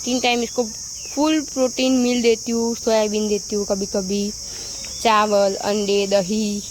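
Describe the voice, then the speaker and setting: A woman's voice: flat delivery, measured pace. A woman vlogging about her dog, chatting to viewers and repeatedly calling out to scold the dog. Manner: repeats "look, look", scolds her dog in sharp high calls. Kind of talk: casual vlog chat. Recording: outdoor noise with crickets.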